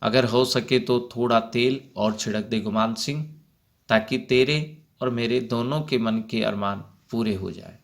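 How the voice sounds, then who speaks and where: A man's voice: mid-range voice, unhurried, close to an everyday voice. A man reading as a defiant young rebel. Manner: defiant, fiery retorts. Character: defiant brave young male freedom fighter.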